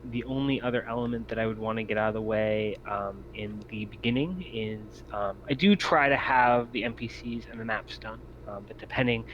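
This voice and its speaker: Over a group voice call, a man serving as game master casually explains a tabletop roleplaying game and narrates scenes for his players. His lowish voice holds a steady tone at normal speed with hardly any pauses. The lo-fi chat audio sounds muffled, with clear noise.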